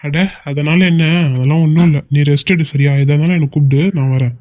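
Someone doing a gentle reassuring cartoon guy, dry dull lo-fi sound. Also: mid-range voice, steady tone, fast talker, no room sound, lightly acted. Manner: soothing, reassuring. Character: young man, kind and reassuring. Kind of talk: cartoon voice acting.

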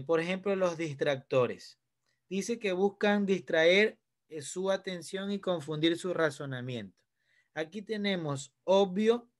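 A man with a high-pitched voice and an Ecuadorian accent leads a lesson. He explains each point step by step and often turns to the students with questions. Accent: Ecuadorian Spanish. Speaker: teacher. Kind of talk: online class lesson.

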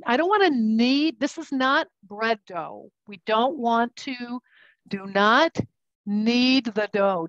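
Chatty woman running a live cooking demonstration, with a fairly high voice, talking through each step as she works the dough. The sound is muffled and dry, with no room echo. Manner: chatty, explains while working with her hands. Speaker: cooking class instructor.

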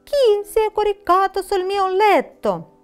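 A woman's voice: very high voice, sing-song, unhurried, voice pushed up, exaggerated voice. A woman voicing a whiny little male bear cub who whimpers and squeals in a tiny voice, with faint music behind.

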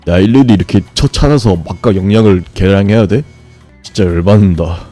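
A man streaming a game, grumbling and swearing at it, then breaking into sudden high shouts. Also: brisk, faint music behind. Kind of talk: frustrated live gameplay commentary.

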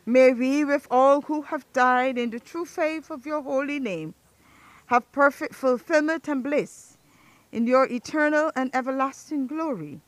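Slow, solemn woman reading funeral rites. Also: sits high, no echo. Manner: measured, solemn recitation. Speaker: officiant at a burial.

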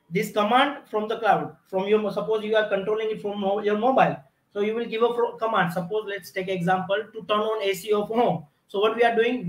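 A man teaching a technical lab demonstration, explaining step by step with frequent restarts and repeated "you can see". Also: sits high. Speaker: instructor. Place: automation lab with equipment. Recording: echoey room.

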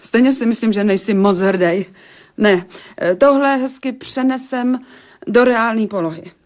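A woman voices a worldly, sceptical woman in a radio drama, teasing a suitor with dry humor. She talks in a casual, plain way, with a voice pitched slightly high. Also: close to an everyday voice. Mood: bargaining. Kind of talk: Czech radio play acting.

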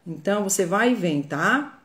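A woman's voice: mid-range voice, lively intonation, moderate pace, a bit bright. Chatty Brazilian woman teaching makeup. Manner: chatty, greets viewers by name while working. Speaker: makeup artist. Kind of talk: live makeup tutorial. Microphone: phone.

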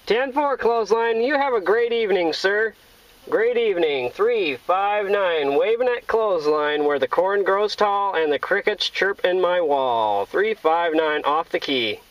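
An American man speaks over CB radio from a vehicle, whether parked or on the move, in a relaxed, folksy, jovial way full of CB jargon. His high, expressive voice is unhurried; the recording is dry, with a dull, lo-fi in-vehicle quality.

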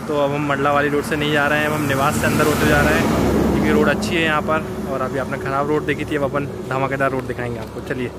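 A man's voice: fairly high pitch, flat delivery, quick pace, very noisy. A man chatting casually as he narrates a road trip vlog from inside a car. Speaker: vlogger.

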